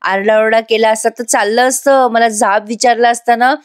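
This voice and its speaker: A woman's voice: a little high, steady tone, moderate pace, natural voice. A woman voicing a heartbroken young man who sulks and complains tearfully, repeating himself. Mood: whiny, tearful.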